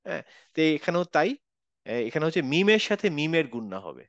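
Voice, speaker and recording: A man teaching an online class on recitation rules, explaining patiently step by step and slowly modeling recited words. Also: a little high, big pitch swings, vocal fry, no room sound, highs cut off.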